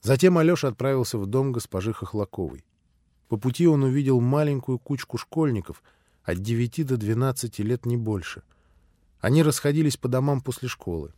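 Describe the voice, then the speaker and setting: A man narrating a classic novel as an audiobook, measured and expressive. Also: medium pitch, dry recording, studio quality. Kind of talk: scripted literary narration.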